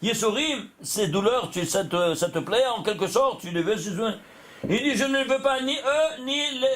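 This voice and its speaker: A man's voice: very high voice, animated, moderate pace, fairly bright tone. A man, a rabbi, teaching a Torah lesson, chuckling often, restarting phrases and checking that his listeners follow. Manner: talks directly to listeners, checking they follow; chuckles often while explaining.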